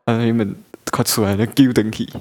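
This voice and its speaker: A man's voice: lowish voice, darkish tone. A young man telling funny stories about himself in a chatty, self-mocking way and laughing often. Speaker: podcast host. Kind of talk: casual storytelling monologue.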